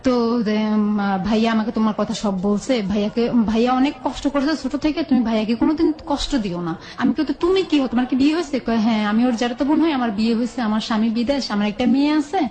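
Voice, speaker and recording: A woman with a Bangladeshi accent and a fairly high, mellow voice tells her own life story quickly. Her style is colloquial and conversational, often quoting dialogue back and forth.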